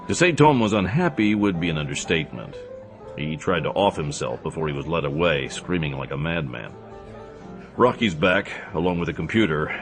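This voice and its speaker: An actor playing a tough, laconic action hero in an audio drama, with a dry, understated manner. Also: male voice, very deep voice, fairly bright tone, heavily acted.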